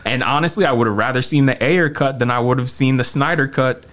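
A man in casual podcast chat, ranting about films with a profane, animated delivery. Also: mid-range voice, quick pace. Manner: profane, animated movie rant. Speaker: podcast co-host.

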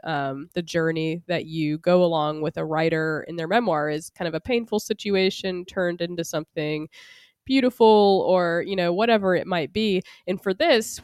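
A woman's voice: on the low side, a little mellow, smooth, no echo, studio quality. A woman hosting an interview podcast, laughing often and asking long, rambling questions with frequent "um"s. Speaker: podcast host. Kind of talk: casual interview.

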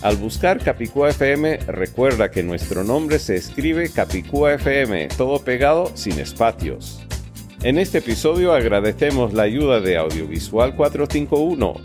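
A man hosting a podcast, reading his script in a measured, precise way. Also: medium pitch, very animated, darkish tone, soft background music. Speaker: podcast host.

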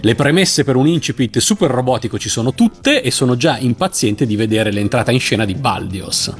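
A man's voice: medium pitch, expressive, brisk, soft background music. A man co-hosting a casual chat, commenting in a thoughtful, reflective way. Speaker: co-host.

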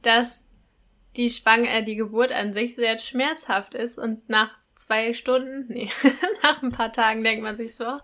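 A woman's voice: a little high, fairly even intonation, measured pace, bright, forceful tone. A young woman co-hosting a podcast in casual, conversational talk. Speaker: podcast co-host.

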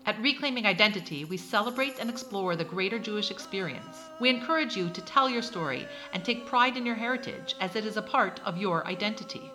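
A woman reads a scripted podcast intro in an earnest, inviting tone. Her voice sits at a middle pitch, and clear music runs underneath. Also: lively intonation, fairly quick, few pauses. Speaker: co-host.

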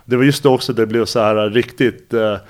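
Laid-back man telling stories. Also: medium pitch. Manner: relaxed, rambling, filler-heavy Swedish slang. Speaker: interview guest. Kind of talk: casual conversational storytelling.

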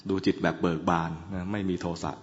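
A man who is a Buddhist monk, giving a dharma talk, chanting in a measured tone and explaining with dry humor. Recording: dull lo-fi recording in an echoey hall.

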